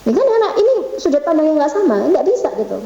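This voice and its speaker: A middle-aged woman leads an interactive religious talk at a women's study session in a government office meeting room, chatting, quizzing her listeners, and slipping into Javanese. Her high, warm voice swings widely in pitch, she talks fast with vocal fry, and the recording is muffled and echoey.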